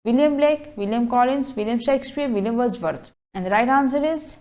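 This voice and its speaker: A woman's voice: a little high, darkish tone. A woman with an Indian accent teaching an exam-prep literature class, mixing Hindi and English and often checking in with her students. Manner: explains slowly, keeps checking in with "ठीक है?". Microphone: lapel mic.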